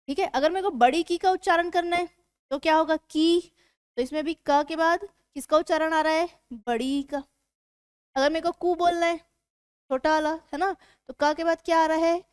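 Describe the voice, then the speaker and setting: A woman teaching a grammar lesson for exam preparation, asking her students questions and answering them herself, sounding out letters slowly. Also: high-pitched, no echo, studio quality.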